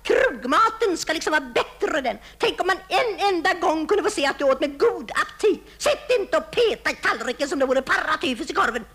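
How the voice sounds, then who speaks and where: A shrill nagging housewife. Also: female voice, sing-song, hardly any pauses, a bit bright, exaggerated voice. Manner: nagging, reproachful, theatrically wounded. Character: nagging middle-aged housewife, shrill and endlessly scolding. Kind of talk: vintage radio comedy sketch.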